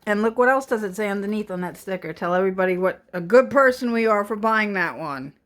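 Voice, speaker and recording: A woman's voice: medium pitch, fast, fairly bright tone. A woman chatting casually and playfully, teasing as she helps out with an unboxing video. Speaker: off-camera adult helper in a child's unboxing video. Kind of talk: casual chat.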